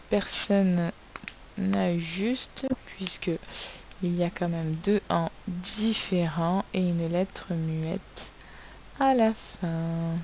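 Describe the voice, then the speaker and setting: A woman's voice: fairly low pitch, darkish tone, a little hiss or hum, poor audio. A woman teaching a recorded phonics lesson to young pupils, spelling out sounds letter by letter. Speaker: primary school teacher.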